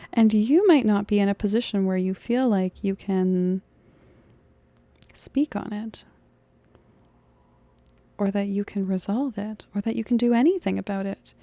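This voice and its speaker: A woman in whispered role-play as a tarot reader, speaking close to the mic in a soft, comforting way that often drops into an unvoiced whisper. Her tired voice is gravelly and mellow, with some cracking. The room is dry and close. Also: medium pitch, no echo.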